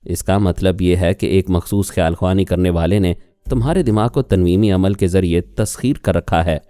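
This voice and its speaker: A man voicing a calm male telepath who reasons patiently on the phone, in an audiobook reading. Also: sits low, smooth, dry recording, studio quality, soft background music, natural voice. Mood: persuasive.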